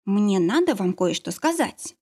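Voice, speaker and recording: A woman's voice: medium pitch, sing-song, unhurried, a little mellow, slightly rough. A woman voicing a guilt-ridden young woman. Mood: guilty. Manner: hesitant, apologetic. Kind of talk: audiobook character reading.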